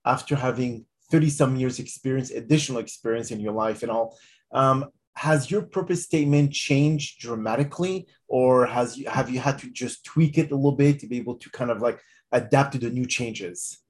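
A man hosting his own podcast, introducing himself and asking a guest questions in a measured, encouraging way. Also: mid-range voice, a little mellow. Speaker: podcast host, psychotherapist.

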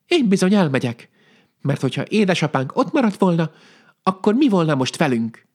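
A man's voice: sits high, very animated, darkish tone, voice pushed up. A man putting on a cheerful young princess. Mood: determined.

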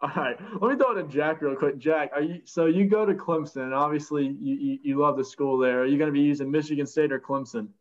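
A man's voice: a little high, fast, few pauses, highs cut off. A man hosting a sports podcast in casual chat, leading the talk and tossing questions to his guests. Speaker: podcast host.

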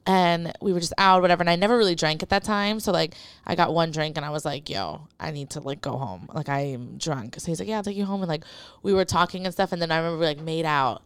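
A woman's voice: on the low side, fairly even intonation, quick pace, clear, resonant tone, no room sound. A young woman as a podcast guest, telling a personal story in casual chat, rambling with lots of "like" and quoting herself.

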